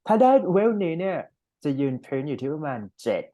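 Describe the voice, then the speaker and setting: A young Thai man tutoring English one-on-one, explaining patiently and modeling slow, careful English reading. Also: fairly high pitch, big pitch swings, mellow, highs cut off. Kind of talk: one-on-one online IELTS lesson.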